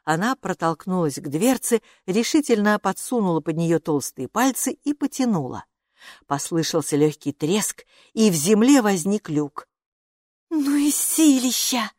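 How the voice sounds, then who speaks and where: Woman, storybook narrator, lively intonation, dry close mic. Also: on the low side, moderate pace, dry recording. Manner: expressive, even-paced reading. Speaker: audiobook narrator.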